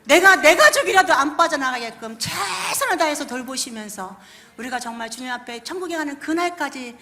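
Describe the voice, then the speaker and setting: A middle-aged woman, a pastor's wife, giving an animated testimony in a church that swings from hushed talk to loud, laughing outbursts as she acts out her own prayers. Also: high voice, a little fast. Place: large church hall.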